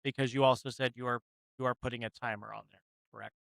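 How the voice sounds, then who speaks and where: Measured male game master. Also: mid-range voice, flat delivery, gravelly, fairly bright tone, dry recording. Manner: measured, deliberate narration. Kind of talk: narrating a tabletop game.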